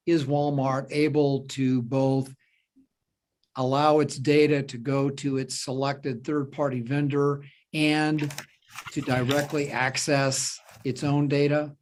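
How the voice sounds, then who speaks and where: A man acting as an attorney, questioning a witness over a video call in a deliberate way. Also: medium pitch, level tone, slight background noise. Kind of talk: courtroom questioning.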